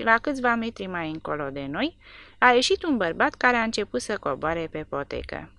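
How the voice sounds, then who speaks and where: A woman reads a war novel aloud with dramatic expression. Her voice sits low but moves with lively pitch. The recording is close and dry. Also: dry recording. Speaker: audiobook narrator.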